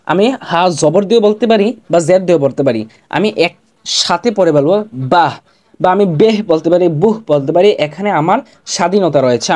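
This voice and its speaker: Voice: mid-range voice, darkish tone. A language teacher giving an online lesson, patiently drilling pronunciation and repeating each syllable, asking and then answering.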